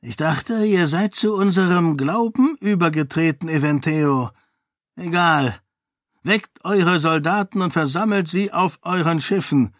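A man's voice: on the high side, a little slow, no room sound, clean studio sound, pitched above the performer's own voice, natural voice. A man voicing a cold, menacing male monk leader in an audiobook, with a raised, sneering delivery. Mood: threatening. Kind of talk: audiobook character voice.

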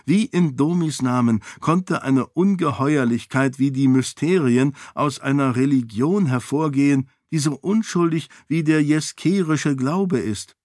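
For this audiobook character, a male performer lifts his medium-pitched voice to play a quick, self-assured young royal woman with a sharp wit. The delivery remains near an ordinary speaking voice, and the sound is studio-clean with no room echo.

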